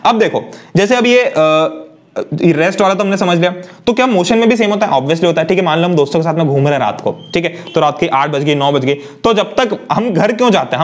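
A young male teacher with a slightly high voice delivers an energetic one-shot lecture. He talks fast and chats with his students, firing questions at them. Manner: lively, chatty, asks students questions.

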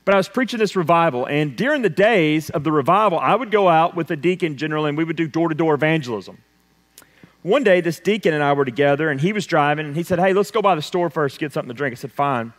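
Animated preacher in a reverberant church. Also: male voice, on the high side, fast. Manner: animated preaching, swings from loud emphasis to hushed intensity. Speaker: pastor. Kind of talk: sermon. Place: church sanctuary.

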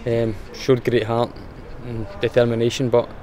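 In front of a sponsor board outdoors, a young man with a Scottish accent, a footballer, gives a plain post-match interview in a matter-of-fact way with many fillers. His mid-range voice has a dark tone, a completely flat delivery and a moderate pace.

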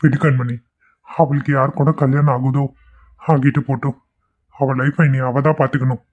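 A man's voice: mid-range voice, level tone, normal speed, narrow, tinny audio, close to an everyday voice. A man voicing a weary young man in a cartoon, resigned and pleading to be left alone.

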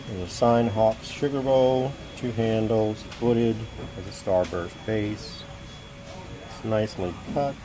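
An American antiques dealer with a fairly low voice gives a walking sales tour of his booth, calmly describing each item and its price. He's slow and matter-of-fact, pausing often with ums, and he's filmed on a handheld phone camera with a noisy show floor behind him.

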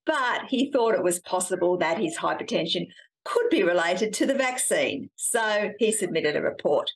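A middle-aged woman hosting a science video, explaining to camera in an animated, emphatic way from a couch in a small room. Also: medium pitch. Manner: animated, emphatic, gesturing with hands.

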